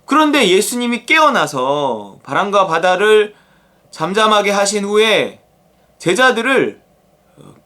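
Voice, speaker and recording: A male pastor giving a daily devotional sermon in a conversational, animated way. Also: high voice, measured pace. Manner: animated, conversational, acts out quotes.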